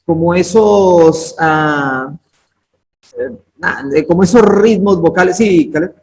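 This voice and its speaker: Over a video call, a man teaches a Bible interpretation workshop conversationally, calling on his students by name with questions in an interactive online lecture. His voice is high-pitched and unhurried, and the recording is rough.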